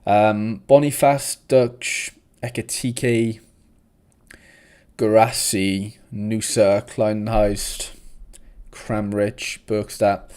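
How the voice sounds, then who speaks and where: A man's voice: on the low side, fairly even intonation, very slow, a little mellow, clean tone. A young man from South Wales with a South Welsh accent, hosting a casual livestream and chatting with viewers in a laid-back way. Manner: chatty, laid-back, uses "mate" often. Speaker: host.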